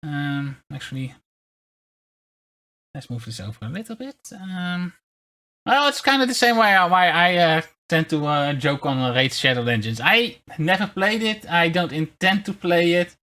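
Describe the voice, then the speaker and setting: A streamer of unclear sex chatting casually in a hesitant, rambling way and reading bits aloud, with a mid-pitched voice. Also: very animated, moderate pace, pushed and bright. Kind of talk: casual livestream chat, reading articles aloud. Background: background music.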